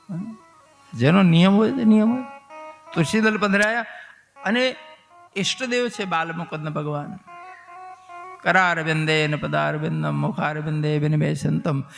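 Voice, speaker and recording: High-pitched, gravelly storyteller man. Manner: animated storytelling, acting out voices in dialogue. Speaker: katha storyteller. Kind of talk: devotional story sermon. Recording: long hall reverb with faint music.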